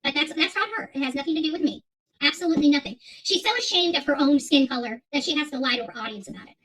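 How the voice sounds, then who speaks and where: In a low-quality recording, the host of an online commentary channel rants off the cuff at her audience, combative and emphatic, repeating phrases for weight. She talks fast in a high, somewhat bright voice.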